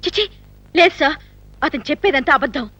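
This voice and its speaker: A woman's voice: sits high, expressive, brisk, highs cut off, full character voice. An actress playing an indignant young woman doctor in a comedy film scene. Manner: sharp, scolding.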